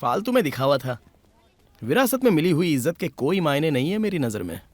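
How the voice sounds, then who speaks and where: Brief: mocking friend, higher pitch, bouncy lines. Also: male voice, fairly quick, no room sound. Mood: sarcastic. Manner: mocking, lively delivery. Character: sarcastic male friend, dismissive. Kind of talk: Hindi film dub.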